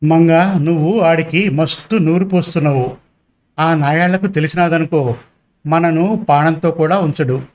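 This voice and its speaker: A man doing a gruff, weary village father. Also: on the high side, darkish tone, close to an everyday voice. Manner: gruff, slow and scolding.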